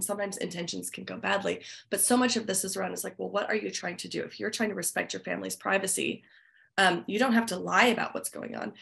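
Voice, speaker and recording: A woman guest on a podcast, talking through her answers in a thoughtful, halting way. Her voice carries a steady gravelly edge, and she often restarts mid-thought with little fillers. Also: mid-range voice. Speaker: guest author and church musician.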